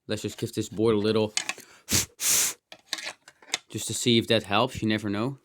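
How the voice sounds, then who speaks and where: This teardown host has a fairly low, fairly bright voice that barely moves in pitch, and he speaks unhurriedly over slight background noise. Working indoors in his cluttered home room, he thinks aloud through hobby electronics, his slightly dry, strained throat carrying rambling remarks, muttered asides and mild exclamations.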